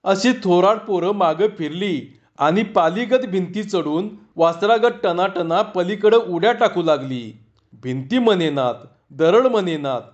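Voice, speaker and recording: Guy telling a funny village story, high-pitched voice, kinda muffled recording. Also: unhurried. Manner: lively, expressive narration. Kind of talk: Marathi storytelling narration.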